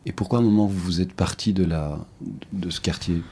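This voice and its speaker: A man interviewing someone one-on-one, asking gentle, probing follow-up questions that recall their earlier talks. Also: sits low, brisk, husky.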